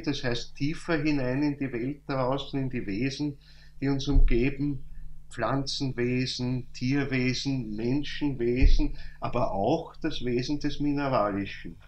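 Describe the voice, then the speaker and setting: A man giving a calm, thoughtful spoken lecture, reciting verse slowly at times. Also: medium pitch, lo-fi sound. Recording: echoey room, faint hum.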